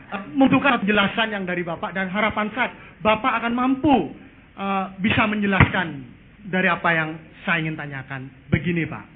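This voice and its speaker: A man from Madura asking a question from the audience, hesitant and rambling with many fillers. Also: high voice. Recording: tinny phone-like sound with faint noise.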